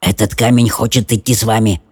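A man voicing a strange, secretive little cave creature who speaks softly, almost in a whisper, in an audiobook reading. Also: on the low side, level tone, brisk, husky, dry recording, studio quality. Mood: hushed, mysterious. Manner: soft near-whisper.

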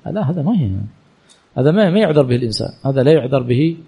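His voice runs on the high side, expressive and very fast, with a dark tone and a breathy edge. As a sheikh teaching Islamic jurisprudence, he reads listeners' questions aloud in a religious lesson and answers in colloquial speech, repeating phrases and correcting himself.

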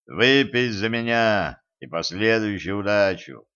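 A battered male boxer, voiced by a man reading a storybook, answering in dry, curt wisecracks. The voice sits low, and the audiobook recording sounds dull and lo-fi. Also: animated, measured pace, fairly bright tone, clear, resonant tone. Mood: cheerful.

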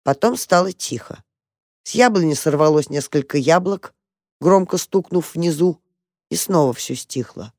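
A narrator reading a children's story aloud in a calm, even manner. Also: medium pitch, a little slow, dry recording, studio quality.

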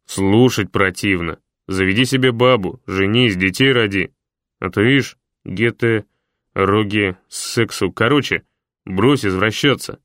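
A man voicing a gruff talking mattress, blunt and grumbling. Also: on the low side, a little slow, a bit bright, no echo, studio quality. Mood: grumpy.

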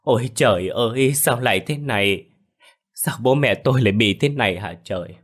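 A man's voice: fairly low pitch, normal speed, lightly acted. A man voicing a scheming young wife who fakes tearful grief with wailing, sobbing pleas in a told story. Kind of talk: storytelling with acted dialogue.

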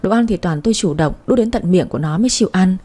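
A woman's voice: lowish voice, lively intonation, fast, warm tone. A young woman narrating a first-person story in a wry, matter-of-fact way.

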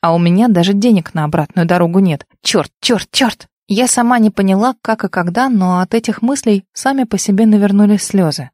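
A woman's voice: medium pitch, fairly quick, hardly any pauses, dark tone, no room sound, studio quality. A woman reading a first-person novel aloud as an audiobook narrator, with an emotional, intimate storytelling manner.

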